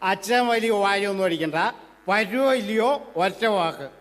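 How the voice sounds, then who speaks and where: A man's voice: high voice, measured pace. A man acting a drunk, boastful and rude rich man in an amateur stage play, with a mocking, slurred manner. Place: school stage before an audience. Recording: echoey hall stage recording.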